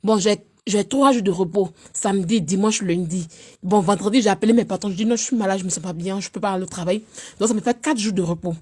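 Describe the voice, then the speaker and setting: On a casual live stream, a woman with a cold chats quickly in a slightly rough voice. She swings between loud teasing and low murmurs.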